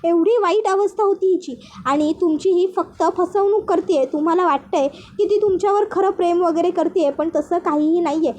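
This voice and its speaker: A woman's voice: very high-pitched, normal speed, hardly any pauses, mellow. A woman reading a blunt, insistent young sister-in-law. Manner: earnest, pleading, plain reading voice.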